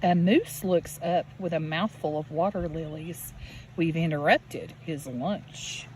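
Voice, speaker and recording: A woman with a low, darkish voice reads slowly to young children at a farm pond, teaching and speaking to them directly. The outdoor recording is low quality, with a running creek and animal noises in the background.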